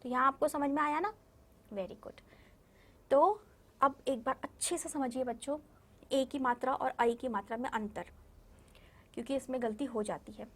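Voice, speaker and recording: High-voiced woman teacher drilling vowel sounds. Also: a bit bright. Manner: slow, drawn-out syllable-by-syllable pronunciation drills, repeating words; patient, coaxing, checks understanding with "ठीक है?". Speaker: primary school Hindi teacher. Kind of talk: recorded video lesson for young children.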